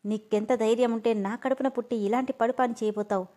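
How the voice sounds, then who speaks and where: A woman's voice: on the high side, steady tone, quick pace, warm tone, lightly acted. A woman doing a furious older patriarch. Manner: furious, commanding. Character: stern older man, the angry head of the household.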